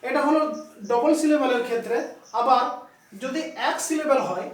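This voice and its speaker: A man's voice: extremely high pitch, brisk, a little hiss or hum. A male teacher giving a classroom grammar lesson, spelling words out letter by letter and often checking in with "okay?". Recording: echoey room, voice from far off.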